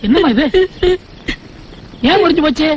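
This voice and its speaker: A man's voice: very high voice, expressive, moderate pace, slight background noise. An actor playing a flustered middle-aged village father who blurts startled grunts in a film comedy. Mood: bumbling. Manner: bumbling, with frequent startled "aa?" grunts. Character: fussy, flustered, smitten widowed village father. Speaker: father of a grown daughter. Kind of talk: Tamil film comedy dialogue.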